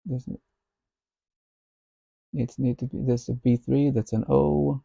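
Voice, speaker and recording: A man thinking aloud while he codes, musing slowly and half to himself. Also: medium pitch, level tone, gravelly, mellow, no echo. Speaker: software developer.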